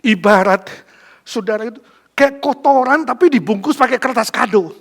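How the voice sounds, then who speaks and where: A middle-aged male pastor preaching a sermon, swinging dramatically between a hushed voice and loud emphasis. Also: very high voice, moderate pace, gravelly.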